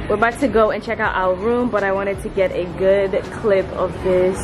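A woman's voice: medium pitch, level tone, moderate pace, noisy background. A young woman talking to her camera in a casual, upbeat vlog while on a beach vacation, giving a tour of a rental house. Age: young adult. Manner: chatty, upbeat, talks straight to camera. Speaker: lifestyle vlogger.

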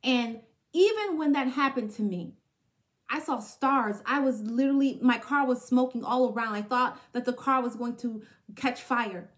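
Give me a woman with a high, bright-pitched voice hosting a podcast. She delivers an emphatic spiritual pep talk, repeating her key phrases and checking in with "okay?" after each point. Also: normal speed. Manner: emphatic, repetitive, punctuates with "okay?". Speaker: podcast host.

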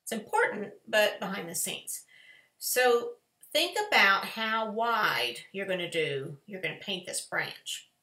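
Gravelly-voiced woman teaching painting. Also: medium pitch, animated, measured pace, pushed and bright. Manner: chatty, folksy step-by-step instruction. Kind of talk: live painting tutorial. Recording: echoey room.

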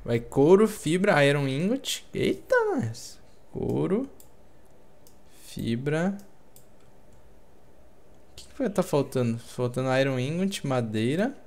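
A man with a Brazilian Portuguese accent chats casually while co-playing a survival game, laid-back and talkative, often saying "velho." His voice is on the high side, animated and a little mellow, and he speaks slowly with long pauses.

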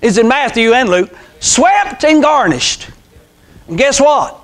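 A high-pitched pastor in his sixties preaches slowly to his congregation, his pitch swinging widely. The sermon is informal, fervent and extemporaneous, emphatic and repetitive with amens and rhetorical questions. He's in a small church sanctuary indoors, on a clip-on lapel mic.

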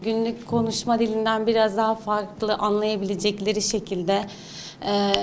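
A woman's voice: mid-range voice, slight background noise. A woman speaking as a teacher, explaining things in an interview.

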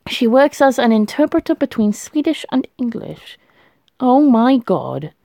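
A woman vlogger talks her way through a quiz in a slow, unhurried voice that swings up and down in pitch. She chats to herself and laughs a lot. The sound is dry and close. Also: big pitch swings, mellow, no room sound. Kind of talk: casual thinking aloud while doing a language quiz.

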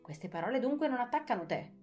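Storybook king read by a woman: pompous, fussy, pitched high, drawn out. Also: sing-song, quick pace, a little mellow, soft background music. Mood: self-satisfied. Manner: self-satisfied, fussy.

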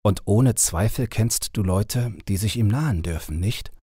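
A man's voice: on the low side, unhurried, mellow, breathy edge, dry recording, clean studio sound. A man voicing a young male captive prince who pleads earnestly for help, in an audiobook reading. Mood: earnest pleading.

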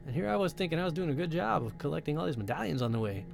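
A man's voice: on the high side, big pitch swings, racing, creaky, music in the background. A man streaming a video game live, commenting casually, playfully mocking himself, and chatting with viewers.

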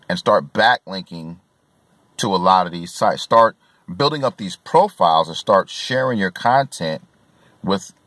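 A man's voice: lowish voice, a bit bright, dry recording. A man in his forties giving earnest coaching advice from inside a car, filmed on a phone camera at arm's length, with many fillers and restarts. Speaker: real estate investor giving tips. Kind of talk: casual advice vlog. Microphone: phone camera at arm's length, filmed from below.

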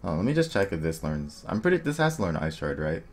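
A young man casually commentating his own online game, thinking aloud and muttering quick asides to himself. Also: low voice, big pitch swings. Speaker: gaming video creator. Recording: faint music underneath.

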